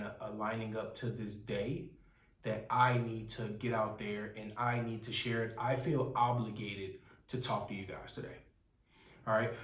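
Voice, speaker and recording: A man in his twenties giving an earnest, rambling personal testimony with frequent restarts. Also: lowish voice. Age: 20s. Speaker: testimony speaker. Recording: roomy, from some distance.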